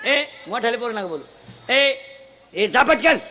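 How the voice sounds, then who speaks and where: A man giving a comic kirtan sermon, teasing and shouting questions to children in the audience. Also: very high voice, lively intonation, unhurried. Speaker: kirtan preacher. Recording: noisy live event ambience.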